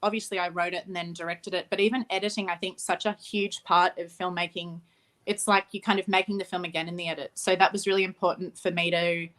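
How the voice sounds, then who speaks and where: Here the same kind of guest, a young film director from Australia with Ukrainian as her first language, talks fast in a lowish, level voice. Reflective and warm, she laughs readily and often starts her phrases over while describing her work in an interview.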